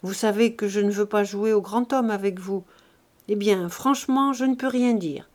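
A woman voicing an older male doctor, a former navy surgeon, gruff yet reassuring. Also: on the high side, moderate pace, natural voice.

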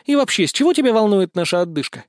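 A man's voice: sits high, sing-song, quick pace, dry recording, studio quality, voice pushed up. A man voicing an irritable young female cat goddess spirit who scolds and frets, in an audiobook. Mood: indignant. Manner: scolding, indignant, fretful. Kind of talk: audiobook character reading.

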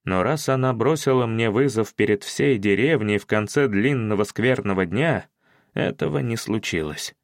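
Выразительный мужчина-чтец аудиокниги. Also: male voice, on the low side, lively intonation, normal speed, no echo, studio quality. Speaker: audiobook reader. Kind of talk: scripted first-person narration.

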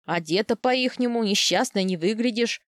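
A huge bearlike man roars and scolds in a low, loud, gruff voice, as a woman reader puts him on. He is a loyal protector with a blunt, fatherly temper. The sound is dry and close, with no room around it. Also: moderate pace, dry recording, close to an everyday voice. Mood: scolding. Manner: roaring, scolding.

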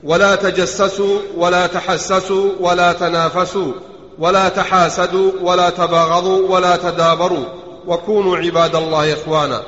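A man reads out chains of narration in a steady, formal recitation, his voice sitting a little high. The sound is dull and lo-fi, with a long echo from a large hall. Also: moderate pace. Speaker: student reading aloud. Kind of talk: reading hadith chains aloud in a study circle. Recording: dull echoey hall recording.

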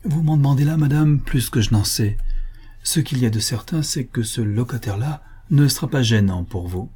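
A man's voice: medium pitch, moderate pace, dark tone, breathy edge, natural voice. A man voicing a talkative male concierge who is deferential and emphatic, eager to reassure his listener.

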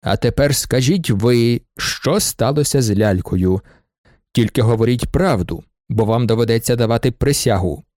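A man reading aloud and voicing a stern, gruff, middle-aged judge who speaks in measured questions. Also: medium pitch, darkish tone, no echo, studio quality, pitched below the performer's own voice, natural voice.

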